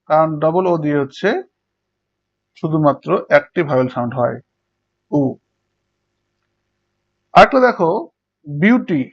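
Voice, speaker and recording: A male teacher explaining English prosody step by step to students and working through examples. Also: a little high. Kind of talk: Bengali lecture on English prosody. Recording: dull lo-fi recording.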